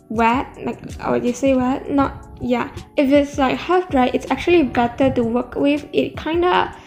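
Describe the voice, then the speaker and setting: A high-voiced woman talks through a hands-on craft tutorial with braces on her teeth. She is casual and hesitant, often correcting herself, and music plays behind her. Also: darkish tone. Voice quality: speech slightly affected by new dental braces. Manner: halting, self-correcting, hesitant.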